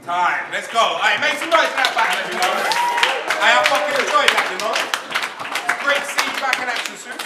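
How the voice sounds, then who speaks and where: A man's voice: very high-pitched, expressive, a little fast, reverberant. A man hosting a rap battle, loose and rousing the crowd. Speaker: battle host. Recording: distant mic, loud crowd and noise.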